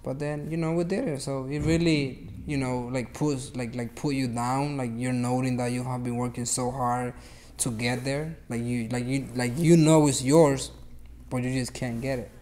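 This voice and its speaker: Flat, mellow young man. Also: medium pitch, normal speed. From Honduras. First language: Spanish. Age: late teens. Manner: earnest, determined, many fillers. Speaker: student activist. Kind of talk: interview testimony.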